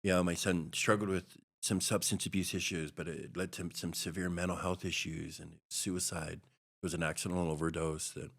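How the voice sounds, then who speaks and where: This middle-aged podcast guest from Hawaii has a deep voice with a level tone and vocal fry. He recounts something personal slowly and thoughtfully, stopping and restarting many times.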